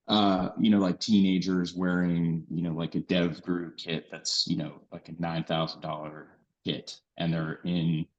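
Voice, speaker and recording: Deep-voiced guy on a call, audio all glitchy and cutting out, staticky, dull lo-fi line. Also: flat delivery. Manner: loose, halting, searching for words. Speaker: artist guest. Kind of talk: casual interview chat. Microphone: remote call.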